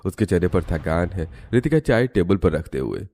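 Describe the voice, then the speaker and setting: A man narrating an animated cartoon story in a steady storytelling manner. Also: sits low, normal speed, slight background noise.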